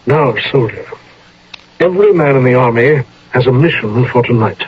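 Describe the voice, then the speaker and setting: An actor playing a stern, commanding American general in a radio drama, speaking with formal authority and a husky voice. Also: male voice, mid-range voice, animated, moderate pace. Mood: firm, measured. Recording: dull old radio broadcast recording.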